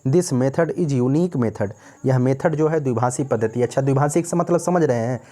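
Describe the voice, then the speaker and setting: An Indian male teacher gives a recorded exam-prep lecture in a patient classroom manner. He explains each point in Hindi and reads English lines from his notes slowly, word by word. He keeps checking that his students are following. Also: mid-range voice, dark tone. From North India.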